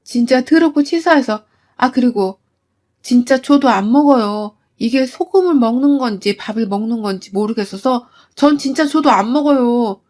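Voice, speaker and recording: A woman's voice: a little high, expressive, moderate pace, natural voice. A woman playing a furious fed-up wife. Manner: sharp, defiant, shouting.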